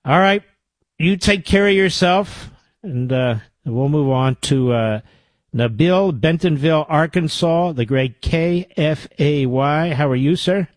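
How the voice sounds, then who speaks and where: A man's voice: fairly high pitch, unhurried, no echo. An older man hosting a call-in talk radio show, speaking emphatically and taking callers. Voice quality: emphatic, forceful delivery.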